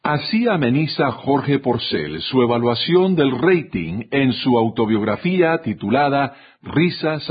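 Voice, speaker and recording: A man's voice: mid-range voice, slightly rough. A man delivering a scripted radio reflection as a commentator, telling a story and acting out the quotes. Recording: dull lo-fi radio sound.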